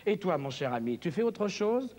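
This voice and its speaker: A man's voice: high voice, very animated, normal speed, darkish tone, long reverb tail. A man working as a ventriloquist on a TV variety show, playfully chatting with his puppets like a kindly uncle. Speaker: ventriloquist and impressionist guest.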